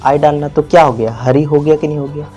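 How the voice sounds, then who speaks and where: A teacher runs a classroom-style spelling lesson, repeating words, quizzing the viewer and stretching out vowels. He speaks quickly with a fairly high, dark voice and fairly even intonation. Faint music plays behind him.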